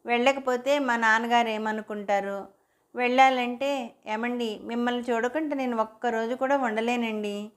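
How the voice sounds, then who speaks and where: A devoted young wife pleads softly and childishly with her husband. A woman narrator reads her with little change of voice. The tone sits slightly high. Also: steady tone, normal speed, natural voice. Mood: pleading.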